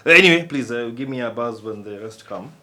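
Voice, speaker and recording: A man playing a teacher in a comedy sketch, talking in a flustered, animated way. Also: mid-range voice, brisk.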